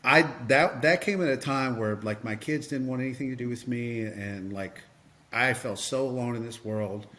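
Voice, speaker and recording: A man's voice: mid-range voice, moderate pace, fairly bright tone. A man, a podcast guest and coach, tells a personal story earnestly, with lots of fillers and restarts.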